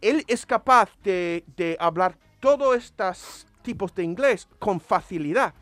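Brief: non-native male co-host, high voice, dry booth sound, gropes for words. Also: expressive, a little slow, fairly bright tone, dry recording, soft background music. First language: English. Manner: searches for Spanish words mid-sentence. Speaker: co-host and former teacher. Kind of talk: casual radio chat.

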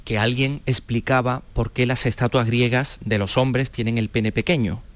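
A man's voice: medium pitch, steady tone, normal speed. A man interviewing in a conversational, reflective way, putting thoughtful questions. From Andalusia, Spain.

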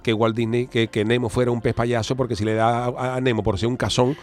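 Fast joking Cádiz man retelling a film. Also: medium pitch, level tone. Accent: Cádiz Andalusian Spanish. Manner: fast, joking storyteller who acts out characters' lines. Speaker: comic film reviewer on a radio show.

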